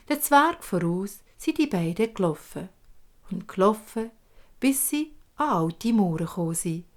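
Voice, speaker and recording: Swiss German woman narrating a fairy tale, gentle, unhurried, middle-pitched. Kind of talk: storytelling.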